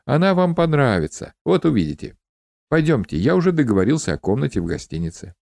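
A man's voice: medium pitch, sing-song, quick pace, vocal fry, no room sound, studio quality, voice pushed up. A man voicing a cheerful, hospitable widowed uncle with greying hair and a pleasant voice, in an audiobook. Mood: welcoming. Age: middle-aged. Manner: warm, welcoming, talkative.

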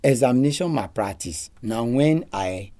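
A man's voice: medium pitch, expressive, moderate pace, dark tone. A man with a Nigerian accent giving a religious advice talk in Nigerian Pidgin, with emphatic delivery. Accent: Nigerian, speaking Nigerian Pidgin. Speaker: radio speaker giving advice.

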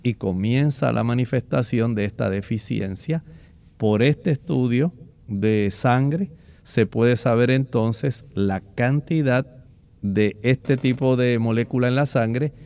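A man on a radio health program, explaining a lung condition and its blood test in a measured, explanatory way. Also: medium pitch, creaky, mellow, no room sound. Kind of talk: explaining a medical topic.

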